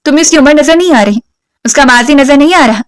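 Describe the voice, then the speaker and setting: A woman voicing a proud, stubborn young woman who answers with sharp, defiant retorts. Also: sits high, dry recording, voice pushed up, natural voice. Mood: scolding.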